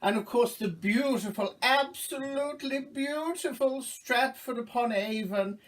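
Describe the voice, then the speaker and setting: A man's voice: extremely high pitch, unhurried, a bit bright, distant mic. A man performing as a campy drag queen, a boozy, bawdy grand dame with a theatrical, arch way of talking. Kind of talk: comic drag monologue to camera.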